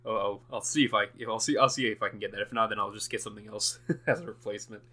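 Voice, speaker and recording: Young man, audio diary, low-pitched, bright forceful tone, halting filler-heavy rambling, frequent laughs. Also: steady tone. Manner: rambling and hesitant, many fillers and restarts, laughs often. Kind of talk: unscripted casual monologue.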